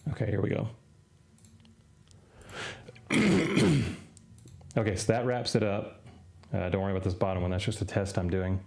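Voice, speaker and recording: A deep-voiced man talks through his screen in a casual, unhurried way, with plenty of "uh" and "you know". His voice is wearing out, and he keeps clearing his throat. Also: steady tone, a little mellow. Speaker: crypto trading channel host. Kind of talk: casual screen-share walkthrough.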